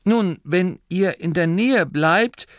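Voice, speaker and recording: A man's voice: sits high, lively intonation, takes it slowly, no room sound, studio quality, voice pushed up. A man voicing a nervous, earnest young male gnome, the son of a duke, in a storybook reading. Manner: nervous, earnest, slightly raised voice.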